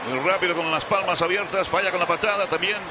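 A man calling wrestling play-by-play as a commentator, excitable and dramatic, in short bursts. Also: sits high, fast, background noise. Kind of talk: play-by-play wrestling commentary in Spanish-language broadcast. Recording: loud arena crowd and ringside thuds. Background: roaring wrestling crowd.

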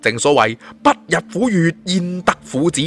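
A man with a Hong Kong Cantonese accent narrates a suspense fantasy novel as an audiobook, telling the scripted story in a dramatic style. His fairly high, fairly bright voice is animated and moves at a moderate pace over soft background music.

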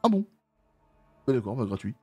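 A man's voice: mid-range voice, big pitch swings, moderate pace, a little mellow, faint music behind. A man giving frustrated gameplay commentary, groaning and swearing as he complains. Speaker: let's play gamer.

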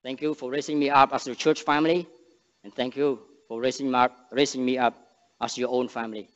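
A young man from Cambodia, speaking English with a Cambodian accent, gives an earnest church sermon and prayer, with halting phrasing and frequent restarts. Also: mid-range voice, level tone, fairly bright tone. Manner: earnest, halting non-native English with restarts and emphatic rises. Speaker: missionary speaker. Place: large church sanctuary stage. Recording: long church reverb, dull sound.

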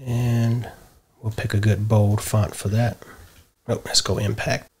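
A middle-aged man explaining a software tutorial step by step from a home office, often checking in with "right?". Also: fairly low pitch, slow pace, husky. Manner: relaxed step-by-step explaining, tags lines with "right?". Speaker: tutorial host. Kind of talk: screen-share software tutorial.

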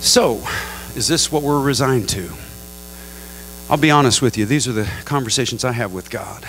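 A middle-aged male pastor preaching a Pentecostal sermon into a handheld mic, swinging from low, measured talk to high, fervent appeals and calling on the congregation to respond. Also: fairly bright tone, slight background noise. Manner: asks the crowd for response. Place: large church sanctuary with a congregation. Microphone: handheld microphone.

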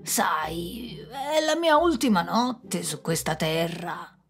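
Woman doing a sly trickster man, wheedling, coaxing, lively pitch. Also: slow, faint music behind. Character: sly, hard-drinking Irish trickster man.

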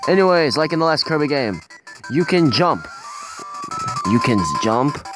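Young male let's play host, rambling, animated pitch swings, faint music behind. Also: a little slow. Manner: rambling, many fillers and restarts. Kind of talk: casual gameplay commentary. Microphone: phone recording.

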